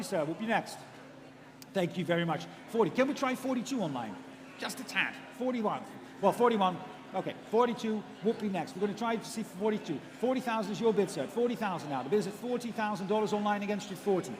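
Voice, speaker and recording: A man working as an auctioneer, calling bids in rapid repeated figures and politely prompting bidders. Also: high-pitched, long reverb tail. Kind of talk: live auctioneer's bid calling. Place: large auction room.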